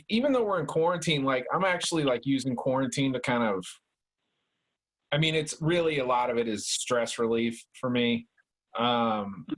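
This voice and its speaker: A man's voice: mid-range voice, a bit bright. A man in his thirties co-hosting a podcast, rambling in casual chat and peppering every sentence with "like", "dude" and swearing. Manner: rambling, heavy "like" and "dude" fillers, swears a lot. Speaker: podcast co-host.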